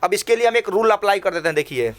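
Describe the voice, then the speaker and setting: A man's voice: high voice, lively intonation, quick pace. A man with a Bhojpuri-tinged Hindi accent teaching an English lesson to children in a classroom, asking questions and repeating phrases for the class.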